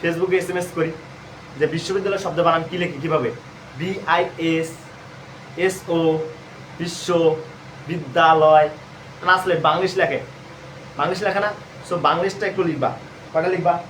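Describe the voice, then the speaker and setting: This live admission prep lesson is led by a high-voiced man with a Bangladeshi Bengali accent who poses questions over and over, then answers them. He talks fast in a steady, fairly bright tone. He's far from the mic in an echoey room, with a faint hum audible.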